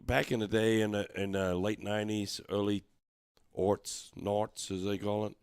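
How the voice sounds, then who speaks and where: A man's voice: fairly low pitch, little pitch movement, normal speed, clean tone, no room sound, clean studio sound. A man giving casual, chatty darts commentary as one of a panel. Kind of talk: casual sports commentary chat.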